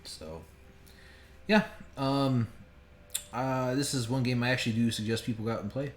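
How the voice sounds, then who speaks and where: A man streams games with casual, joking commentary that's sometimes profane, speaking at normal speed with a medium pitch. The recording has a roomy echo and faint background noise.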